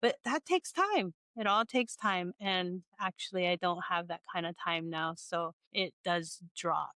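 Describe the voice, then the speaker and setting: Chatty woman, smooth dry voice. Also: on the low side, unhurried, fairly bright tone, no room sound. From Hawaii. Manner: chatty, laughs often, rambling restarts. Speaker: podcast host. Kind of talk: casual conversational interview.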